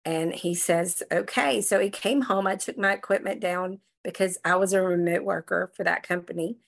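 A woman's voice: fairly low pitch, normal speed, creaky. A middle-aged woman telling her success story with effusive enthusiasm on a casual video call. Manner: enthusiastic, effusive, animated retelling. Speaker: guest sharing a success story.

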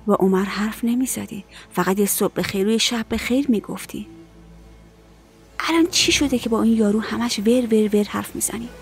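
A woman's voice: mid-range voice, gravelly, faint music behind, lightly acted. A middle-aged actress dubbing a stern, suspicious mother in a TV drama, commanding and probing. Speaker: dubbing actor. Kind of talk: dubbed TV drama dialogue.

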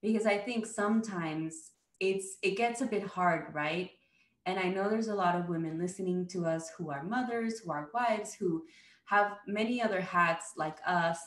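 A woman in her thirties hosting a podcast interview over a video call, welcoming with an occasional Spanish greeting. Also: lowish voice. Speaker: podcast host. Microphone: video call webcam. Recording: roomy video-call sound.

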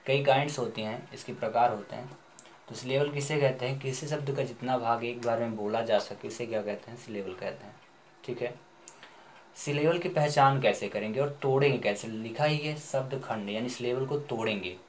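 A man's voice: mid-range voice, normal speed, a little hiss or hum. A man teaching a grammar lesson, asking questions and answering them himself, spelling words letter by letter.

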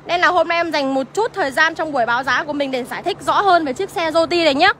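A woman's voice: sits high, fast, a bit bright, a little hiss or hum. A woman with a Northern Vietnamese accent livestreaming from a used car lot, chattily rattling off car features and prices. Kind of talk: livestream sales pitch.

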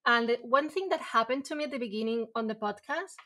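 This streaming artist talks fast in a high-ish, sharp voice as she draws indoors at home. Her first language is Spanish. The casual chat rambles, full of restarts and fillers, with self-deprecating laughs.

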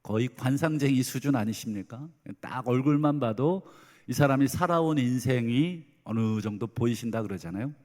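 A middle-aged man preaching a Sunday sermon as senior pastor, lively and dramatizing the voices of parents and children. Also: medium pitch, moderate pace. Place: church sanctuary. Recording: long hall reverb.

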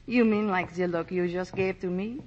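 An actress playing a flirtatious, teasing aristocratic countess in 1940s radio acting. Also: female voice, on the low side, moderate pace, darkish tone, slight background noise, lightly acted. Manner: coquettish, teasing. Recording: dull 1940s radio broadcast.

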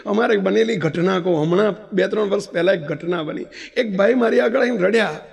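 A man's voice: high-pitched, fairly quick, gravelly, husky. A man, a spiritual leader, giving a storytelling sermon and putting rhetorical questions straight to his listeners. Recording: long reverb of a large hall.

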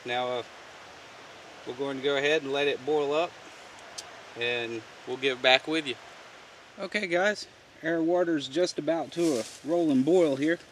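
A man casually showing a homemade camp stove outdoors, talking in a relaxed, folksy way with many fillers. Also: a little high, a little slow, long pauses, far from the mic, slight background noise. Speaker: outdoor gear vlogger. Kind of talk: casual how-to demonstration. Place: outdoors on the ground, off camera.

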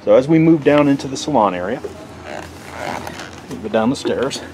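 A man giving a casual walkthrough of his sailboat from behind the camera, relaxed and halting with lots of fillers. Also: mid-range voice, noisy background. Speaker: boat owner giving a tour. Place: inside a sailboat cabin. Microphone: handheld camera mic, speaker off camera.

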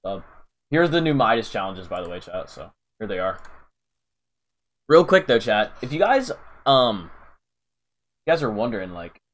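A man's voice: on the low side, very animated, normal speed, long pauses. A young man casually live-streaming a game, rambling to his chat with lots of fillers, calling out viewers' names and saying "bro".

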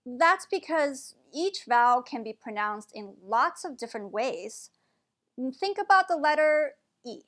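A woman with a high voice teaches English pronunciation at an unhurried pace. She models each word carefully and clearly, in a patient classroom-lesson delivery. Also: a bit bright.

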